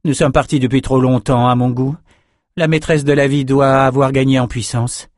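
A man's voice: medium pitch, level tone, moderate pace, dry recording, studio quality, voice pushed up, lightly acted. A man voicing a stern, determined woman sorceress in an audiobook, speaking firmly and with measure. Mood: worried.

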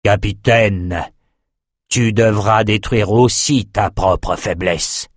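A man's voice: lowish voice, slow, no room sound, studio quality. A man voicing a stern, feared male warlord king who speaks in a commanding, solemn way in an audiobook.

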